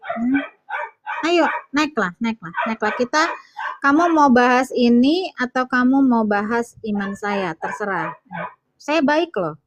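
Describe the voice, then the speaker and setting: A woman's voice: on the high side, expressive, measured pace, lo-fi sound. A woman hosting a casual livestream debate, teasing and challenging her callers, laughing at them. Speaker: livestream host.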